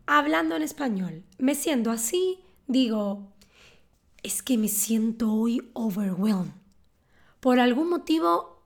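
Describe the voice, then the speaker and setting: A woman, giving a calm, clear scripted lesson on words. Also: high voice. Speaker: Spanish teacher.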